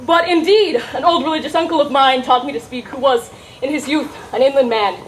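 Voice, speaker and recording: A woman performs a witty young woman disguised as a cheeky lad. The voice is high and the delivery is hammy, theatrical Shakespearean comedy. There is faint noise in the recording. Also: a little fast, natural voice, poor audio. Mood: playful, brisk. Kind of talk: Shakespearean stage comedy acting.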